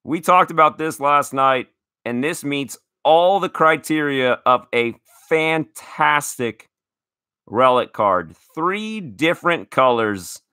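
A man in his thirties hosts a casual card-opening chat, gushing with thanks and tripping over his words as he restarts sentences. His voice is bright and forward. The sound is dry and close, with no room echo. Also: fairly high pitch, lively intonation, slow, clear, resonant tone. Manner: enthusiastic, grateful, stammering restarts. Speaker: card collecting show host.

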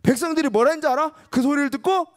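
A woman teacher telling a Bible story to young children, animated, asking them questions and acting out the voices. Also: high voice, very fast, slight background noise. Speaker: kindergarten teacher.

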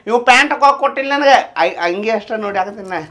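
Bright-voiced man with a North Karnataka accent. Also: very high voice, very fast, soft background music. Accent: North Karnataka Kannada. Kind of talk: comedy sketch acting.

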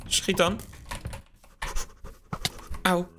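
A man giving excitable, joking let's play commentary, mocking himself and yelping now and then. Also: very slow, background noise. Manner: excitable, joking, self-mocking, sudden yelps. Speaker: gaming YouTuber.

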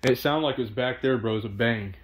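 With a husky, mid-range voice and a quick pace, a young man in his twenties vlogs his exploration of an empty, abandoned house from a first-person camera. He talks casually to viewers and makes simple remarks about the things he finds, and the audio sounds dull.

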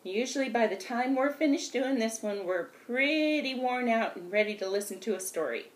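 A middle-aged woman, a children's librarian, leading a storytime finger play in an animated, sing-song way, filmed on a laptop webcam in a small room at home. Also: a little high, normal speed. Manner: animated, sing-song chanting with big hand gestures.

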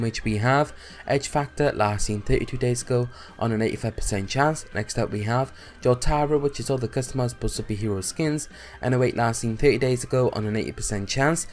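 A young man hosting a gaming channel, talking casually in a hoarse voice while sick, upbeat and full of repeated catchphrases. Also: mid-range voice, a little mellow. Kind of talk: casual video commentary.

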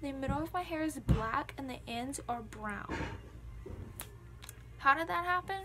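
A young adult woman vlogger with a high, expressive voice talks at a measured pace over some background noise. She's in a small bedroom, rambling casually to her phone camera, held at arm's length and set on a dresser, and says "like" constantly.

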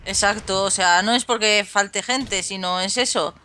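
A woman with a Spain Spanish accent playing along in casual gaming banter, animated, with frustrated, sweary outbursts. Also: mid-range voice, a little slow, a little hiss or hum. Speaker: co-player.

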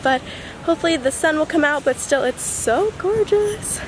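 A teenage vlogger chats casually and upbeat in a travel vlog from a beach house kitchen, saying "super" and "so cute" a lot, filmed on a camera at arm's length. Her high, expressive voice moves at a moderate pace over background noise and pop music.

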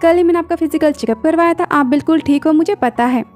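A woman's voice: high voice, fast talker, darkish tone, soft background music, close to an everyday voice. A woman voicing a rich young male CEO in a story recap, talking in a brusque, teasing way.

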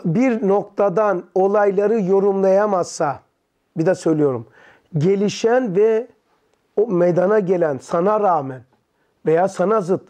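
A man with a fairly high voice teaches a religious text to a small study circle. He fires short questions at his listeners, answers many of them himself, and breaks hard terms down into everyday words. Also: a little mellow. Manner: explains terms in plain words; leans back in an armchair while teaching.

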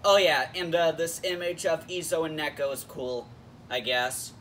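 A man's voice: fairly high pitch, steady tone, normal speed, fairly bright tone, recorded from a distance, slight background noise. A man hosting a casual YouTube episode review in a jokey, playful way. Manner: jokey, playful, switches into silly voices.

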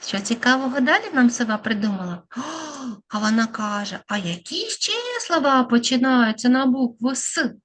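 A woman speech therapist giving a lesson to young children, sounding out words slowly syllable by syllable and encouraging them. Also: on the high side, lively intonation, fairly bright tone. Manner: slow, syllable-by-syllable, encouraging teacher talk.

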